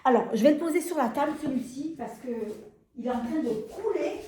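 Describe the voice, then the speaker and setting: A French woman showing makeup on camera, gushing about each product and filling pauses with hesitations and repeated words. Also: sits high, mellow. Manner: gushing, enthusiastic over products. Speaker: beauty vlogger. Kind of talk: casual product demo. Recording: echoey room.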